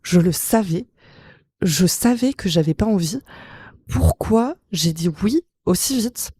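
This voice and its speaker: A woman's voice: on the low side, expressive, a little slow, dark tone, breathy edge, dry recording, clean studio sound. A woman voicing a bewildered tired friend. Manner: bewildered, questioning herself.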